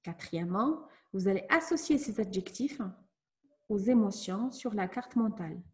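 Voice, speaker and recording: A woman teacher giving a lesson to children, speaking slowly and clearly as she explains each step. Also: mid-range voice, expressive, a little mellow. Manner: slow, clear, instructive. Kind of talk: classroom lesson narration.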